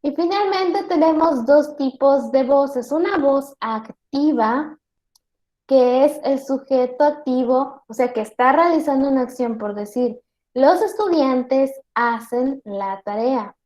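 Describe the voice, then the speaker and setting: A woman teacher giving a virtual class lecture, explaining slowly with many spoken examples and checking in with her students. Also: high voice, a little mellow. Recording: roomy echo.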